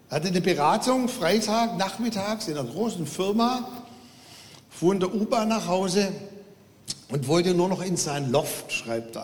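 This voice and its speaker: A man preaching a sermon to his congregation, telling a story animatedly and acting out the quotes. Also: on the high side. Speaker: pastor. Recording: long hall reverb.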